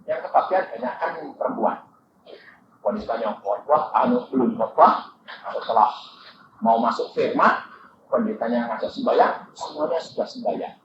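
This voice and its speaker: Older man, preacher, lively storytelling sermon, dull far-off echoey hall recording. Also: moderate pace, noisy background. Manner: animated, swings from low asides to high shouted quotes. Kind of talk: sermon with anecdotes.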